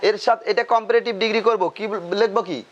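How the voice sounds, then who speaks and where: A man's voice: high-pitched, steady tone, quick pace, dull audio, a crowd in the background. A man teaching a grammar lesson, asking questions and answering them himself, repeating key terms.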